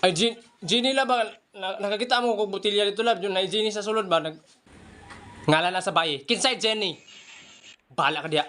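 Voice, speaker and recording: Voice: medium pitch, fairly quick, fairly bright tone, slight background noise. Give me a comedian playing every role in a skit. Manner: switches between put-on voices. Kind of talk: one-person comedy skit, playing several parts.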